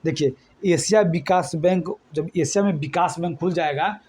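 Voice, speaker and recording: A man's voice: on the high side, normal speed, a little mellow, a little hiss or hum. A man from eastern India, teaching an exam-prep lesson with memory tricks. He talks colloquially and keeps quizzing his students.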